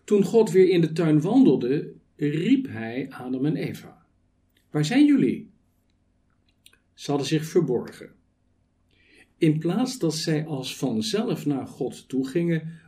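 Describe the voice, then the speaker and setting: A man preaching a sermon with a fairly high, mellow voice that rises and falls with a lot of movement. He speaks very slowly and deliberately, stacking rhetorical questions and measured lists.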